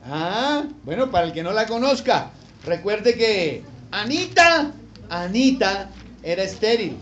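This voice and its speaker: A man's voice: high voice, very animated, a little slow, a bit bright. A man preaching a sermon as a pastor, talking animatedly with rhetorical questions and acted-out voices. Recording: slightly dull lo-fi sound with faint noise.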